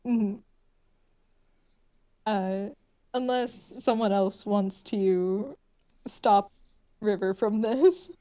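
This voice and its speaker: A woman's voice: medium pitch, extremely slow, pauses often, dark tone. A woman chatting casually as a player in a tabletop role-playing game.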